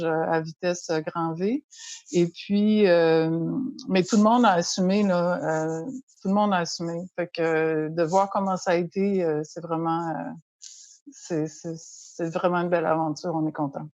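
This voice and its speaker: Lower-voiced Quebec woman, dull lo-fi sound. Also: fairly even intonation, normal speed, darkish tone, dry recording. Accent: Quebec French. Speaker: festival organizer. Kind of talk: casual unscripted chat.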